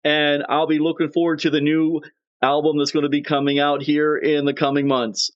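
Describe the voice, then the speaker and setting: A man's voice: fairly high pitch, flat delivery, normal speed, clean tone. A male podcast host interviewing a guest, speaking earnestly and respectfully. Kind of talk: casual interview chat. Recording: dull lo-fi line.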